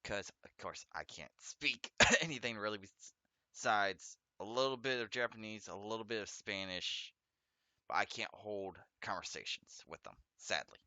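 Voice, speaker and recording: A man with a slight lisp and a bright, forceful voice chats his way through a game, reading its lines aloud. His S and R sounds come out a little off, and he trips over foreign words and corrects himself. The recording is dry and close, with no room sound. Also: on the low side, moderate pace, dry recording. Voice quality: speech impediment, trouble with S and R sounds, a slight lisp. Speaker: let's play host. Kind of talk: casual gameplay commentary, reading game text aloud.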